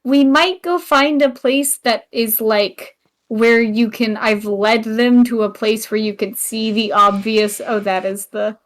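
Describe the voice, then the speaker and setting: A woman's voice: on the high side, steady tone, a little slow. A woman playing a tabletop game, talking casually in a sleepy, drawling, joking way. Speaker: player.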